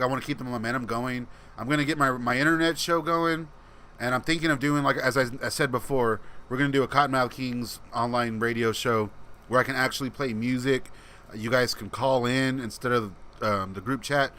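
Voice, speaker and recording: Reading his live chat aloud, the host rambles casually and responds to viewers, and people call his voice soothing. His mid-range delivery is brisk, pushed and bright, and there's a little hiss or hum.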